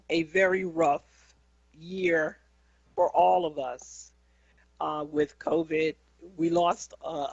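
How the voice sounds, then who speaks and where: Slow, gravelly woman talk radio host. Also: low voice, no echo. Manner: deliberate, gravelly, pausing with ums. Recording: dry, slightly dull studio mic.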